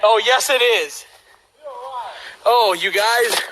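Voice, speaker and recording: A man's voice: high-pitched, takes it slowly. Teasing man filming a prank. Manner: teasing, laughing. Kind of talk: casual home-video banter. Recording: noisy home video.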